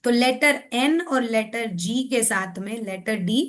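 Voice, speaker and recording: Slow, deliberate woman phonics teacher. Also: on the high side. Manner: mixes Hindi and English, repeats and checks understanding; says example words slowly and deliberately. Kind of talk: classroom-style lecture.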